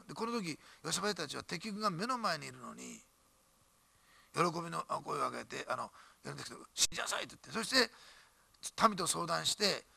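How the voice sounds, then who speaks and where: A man preaching a sermon in church as pastor, animated and emphatic, with jokes and asides. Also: a little high, vocal fry, dry recording.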